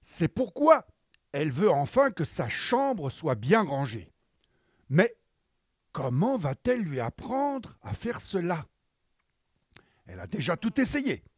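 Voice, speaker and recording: A man tells a children's story in a high voice with lively swings of pitch. He takes his time, narrating in an animated style. The sound is dry and close. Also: slow, long pauses, no room sound.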